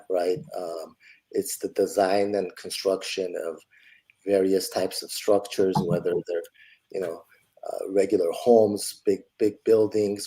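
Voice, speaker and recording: A man in his forties from Los Angeles, answering interview questions in a relaxed way and thinking aloud with many fillers. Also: sits low, low-quality recording. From Los Angeles, United States. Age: 40s. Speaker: guest, entrepreneur.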